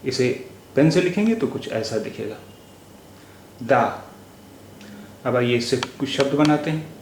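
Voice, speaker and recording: A man teaching a language lesson, spelling out letters and repeating each word slowly and deliberately. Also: mid-range voice, expressive, a little mellow. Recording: echoey room with faint noise.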